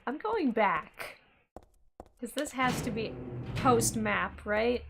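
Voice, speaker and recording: A woman's voice: a little high, expressive, slow, vocal fry, background noise. A woman playing a horror game, commenting expressively and reacting aloud as she plays. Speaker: gaming streamer. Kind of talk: let's play commentary.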